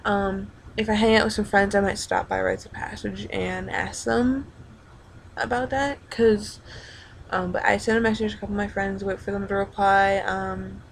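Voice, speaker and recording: A young woman talks to her viewers in a casual, rambling video diary. Her voice sits at an ordinary pitch with a gravelly fry. She halts and doubles back as she goes, over faint background noise. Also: little pitch movement. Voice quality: creaky vocal fry. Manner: rambling, halting, informal with frequent backtracking. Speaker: vlogger.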